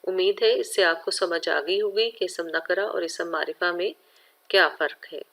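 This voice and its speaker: Female schoolteacher with a Pakistani Urdu accent, lowish voice, slow and methodical delivery for a recorded children's lesson. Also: a bit bright. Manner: slow, careful explaining, addresses students directly.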